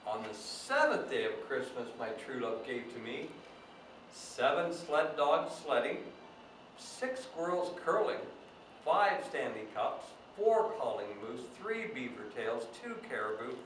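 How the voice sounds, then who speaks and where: Sing-song and a bit bright, a man with a mid-range voice reads storybooks to children a little slowly, playing a jolly Santa Claus who drops chatty asides. It's playful and cheerful. The mic is distant in a very echoey indoor room, and there's faint noise.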